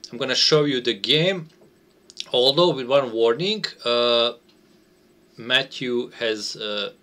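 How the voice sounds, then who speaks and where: Indoors in a small room at home, a board game designer playtests a game, giving a casual, unscripted walkthrough in English, which is not his first language. He hesitantly searches for words, his lowish voice sounding pushed and bright.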